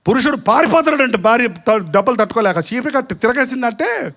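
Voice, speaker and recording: A man preaches in a very high voice. He keeps asking the congregation questions, and he acts out both sides of quarrels as he makes his points. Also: expressive, quick pace, fairly bright tone. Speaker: pastor. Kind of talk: sermon.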